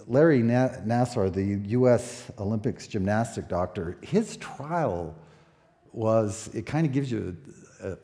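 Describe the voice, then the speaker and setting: A man in his sixties, a pastor preaching a sermon at a pulpit microphone, relaxed and conversational with many fillers. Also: lowish voice. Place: church sanctuary. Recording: echoey church hall.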